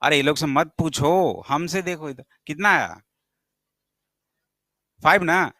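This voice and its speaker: A man's voice: a little high, moderate pace, bright, forceful tone, dry recording. A male math teacher, lecturing a classroom and firing questions at his students, sometimes scolding them.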